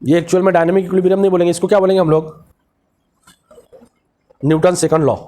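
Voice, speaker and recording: High-voiced man teaching physics. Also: steady tone, fast, warm tone. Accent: Marathi-influenced Hindi. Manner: asks the class questions and answers them himself; mixes English technical terms into his speech. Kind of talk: classroom lecture.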